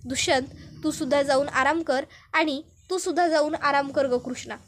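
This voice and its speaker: A woman playing a stern matriarch from a retold serial. She gives curt household orders in a very high voice. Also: fairly even intonation, normal speed, slight background noise, close to an everyday voice. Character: stern older matriarch, commanding.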